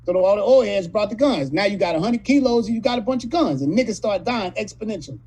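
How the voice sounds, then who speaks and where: A man in his late fifties from California, telling rough, profane stories as a guest in a casual interview. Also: high voice, expressive, quick pace, warm tone, rough recording. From California, USA. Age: 50s. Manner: profane, rambling, street-talking storyteller. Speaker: actor guest.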